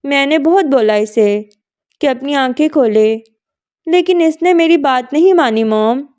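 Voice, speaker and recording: A woman's voice: high-pitched, a little slow, a little mellow. A woman reading a novel aloud, voicing a heartbroken young woman pleading through tears. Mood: distraught. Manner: pleading, distraught. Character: grief-stricken young woman sobbing over her lost love.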